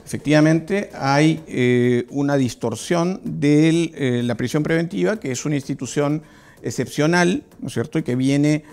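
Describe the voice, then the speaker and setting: A man, a lawyer, speaking in a panel discussion in a measured way with frequent hesitations and fillers. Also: a little high, a little mellow. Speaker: lawyer and political candidate.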